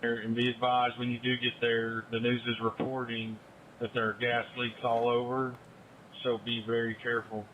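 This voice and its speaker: A man, a police officer in the field, talking over police radio in clipped radio codes and calm warnings. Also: medium pitch, moderate pace. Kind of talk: terse radio traffic. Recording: tinny radio band, faint noise.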